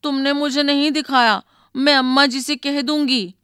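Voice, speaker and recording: A woman voicing a stubborn, tearful little girl who tattles, in a shrill, pleading voice for a storybook reading. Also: moderate pace, fairly bright tone, no room sound, studio quality. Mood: tearful defiance.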